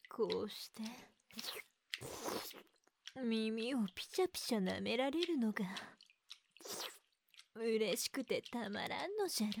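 A woman voicing a teasing, dominant woman with old-fashioned archaic speech, whispering slowly and playfully close to the mic in an ASMR roleplay. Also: on the high side, darkish tone, a little hiss or hum. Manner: mocking, slow, playful.

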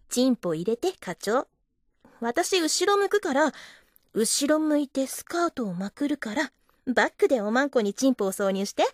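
A coy, teasing young office wife, acted by a woman in an adult audio drama. Her voice sits high and swoops up and down constantly. The sound is dry and close. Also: big pitch swings, moderate pace, no room sound. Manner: teasing and coy, giggling often. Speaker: voice actress.

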